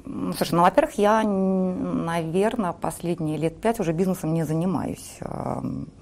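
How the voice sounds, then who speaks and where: A woman in her forties from Saint Petersburg, chatting bluntly and quickly as a guest in a TV studio interview, swearing freely. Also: on the low side, gravelly, a little mellow. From Saint Petersburg, Russia. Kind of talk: casual TV interview chat.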